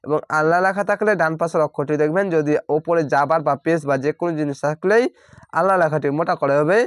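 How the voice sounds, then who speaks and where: A man teaching Quran reading, spelling each letter and vowel mark slowly before reciting the word drawn out. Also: a little high, smooth, no room sound, clean studio sound.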